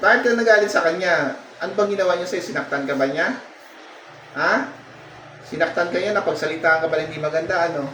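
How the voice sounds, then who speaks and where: A high-voiced man acts as a folk healer, issuing repeated commands and pressing questions between murmured incantations. He sits at some distance from the mic, so his voice sounds roomy, with faint noise behind it. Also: a little fast, long pauses, bright, forceful tone. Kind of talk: healing ritual with chanted prayers and questioning.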